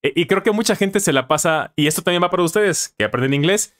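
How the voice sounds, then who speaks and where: A man's voice: high-pitched, expressive, quick pace, a bit bright. A young Mexican man with a Mexican Spanish accent, a YouTuber and English teacher reflecting casually on his own video, with frequent self-corrections and tag questions.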